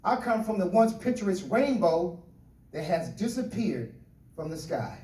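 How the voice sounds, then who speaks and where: Man reciting a rhythmic speech, high voice. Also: big pitch swings, moderate pace, mellow. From Ohio, USA. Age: middle-aged. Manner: rhythmic, repeating refrain. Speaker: speaker. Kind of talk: spoken word speech. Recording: echoey room, voice from far off.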